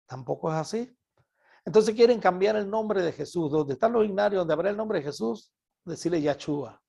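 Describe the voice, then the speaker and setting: A man from Venezuela with a Venezuelan Spanish accent, preaching a Bible study sermon in an animated way and repeating words for emphasis. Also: sits high, moderate pace, vocal fry.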